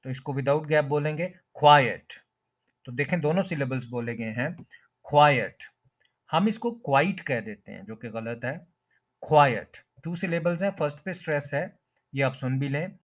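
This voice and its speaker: A man teaching English pronunciation as an explanatory lesson, repeating each word slowly and breaking it into syllables. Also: fairly high pitch, lively intonation.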